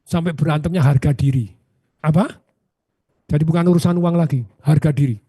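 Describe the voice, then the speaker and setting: A man giving a motivational seminar talk, animated and constantly asking the audience rhetorical questions. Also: fairly high pitch, brisk, husky, no room sound, clean studio sound. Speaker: seminar speaker.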